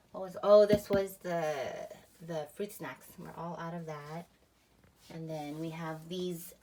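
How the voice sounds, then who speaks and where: A family vlogger with a low-ish voice casually shows off her fridge, pantry and garage freezer, a bit out of breath after a workout. She chats through the home tour with lots of "like" and "um," over heavy background noise.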